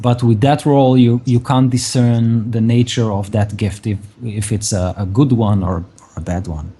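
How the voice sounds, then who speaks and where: A man narrating a tabletop game as game master, improvising descriptions in a halting way. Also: lowish voice, fairly even intonation, mellow, slightly rough.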